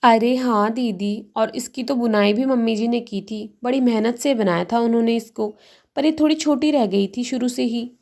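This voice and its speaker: A woman's voice: on the high side, moderate pace, darkish tone, natural voice. A woman voicing a cheerful younger sister-in-law in a doll story, chatty and teasing toward her elder.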